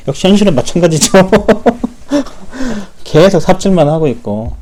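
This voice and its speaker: A man recounting his days as a struggling welder in an unhurried, personal way. His voice is dark and mellow at an everyday pitch, and he wanders and backtracks, restarting words as he goes. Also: expressive. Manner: rambling, frequent self-corrections. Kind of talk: personal storytelling.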